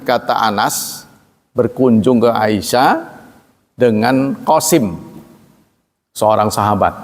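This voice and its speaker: A man with an Indonesian accent teaching a hadith lesson, reading Arabic passages and then explaining them in plain, everyday speech. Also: a little mellow. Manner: reads Arabic text then explains in plain speech, raising pitch for quoted lines. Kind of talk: sermon-style hadith lesson. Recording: long reverb in a hall.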